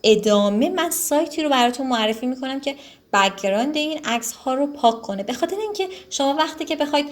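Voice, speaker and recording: A woman with a slightly high voice walks through a software tutorial in an easy, chatty way. She pauses on fillers and corrects herself as she goes, like a teacher recording her screen at her computer. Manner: relaxed, chatty, with frequent fillers and self-corrections.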